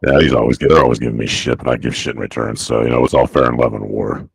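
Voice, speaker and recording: A man in a casual voice chat, speaking through a voice changer that shifts his voice deep, with a laid-back, teasing way of talking. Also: fairly even intonation, fast talker, no echo. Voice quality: very deep gravelly rumble. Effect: deep pitch-shifted voice changer. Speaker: guest on a voice chat stream.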